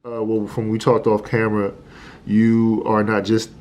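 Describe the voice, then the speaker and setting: Low-voiced male interviewer. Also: completely flat delivery, a little slow, a little mellow. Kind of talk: casual interview questions. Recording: faint background noise.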